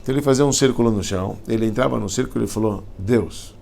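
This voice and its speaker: Brief: rabbi, gravelly voice, casual colloquial storytelling, some faint noise behind. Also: male voice, medium pitch, rapid-fire. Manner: animated, colloquial, with slang and restarts. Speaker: rabbi teaching a class.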